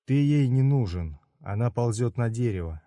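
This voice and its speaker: Brief: a male reader plays a blunt, stern comrade, low and mellow, storybook reading, dry sound. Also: expressive, normal speed, no echo, natural voice. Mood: curt. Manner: curt, blunt. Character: stern weary man calming his comrade.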